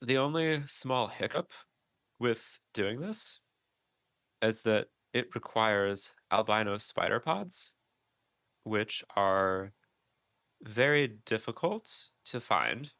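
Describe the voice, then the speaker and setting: A man with a gravelly, slightly low voice that has a bright edge, talking on a podcast. He rambles through explanations with ums and pauses, his nose stuffy, in a dry close recording. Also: animated, dry recording. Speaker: podcast co-host. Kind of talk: casual chat.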